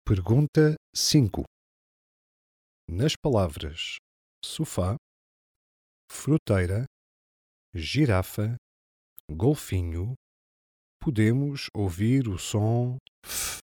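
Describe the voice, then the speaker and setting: A man with a European Portuguese accent, slowly reading listening-test instructions and answer options. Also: lowish voice, lively intonation, darkish tone, husky, dry recording, clean studio sound. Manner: slow, deliberate, instructional. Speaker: exam narrator. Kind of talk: scripted narration of a listening test.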